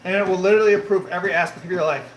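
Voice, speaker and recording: Talking at a racing pace in a high, steady voice, a livestream host in his thirties answers viewers' comments from a treadmill at home. His tone is cheerful and motivating, and the indoor room adds echo and a bit of faint noise.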